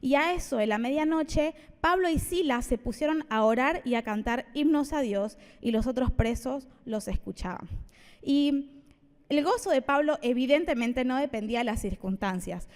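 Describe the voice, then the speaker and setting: High-voiced woman preaching. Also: lively intonation, normal speed, darkish tone, long reverb tail. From Argentina. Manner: conversational and playful, with asides to the congregation. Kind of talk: sermon. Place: church hall.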